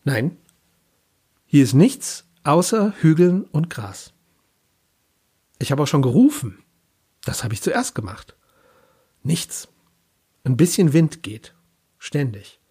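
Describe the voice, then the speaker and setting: A man with a husky voice voicing a blunt, cursing young woman with colorful hair, stranded on a phone call. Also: on the high side, darkish tone. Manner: blunt, casual, sarcastic.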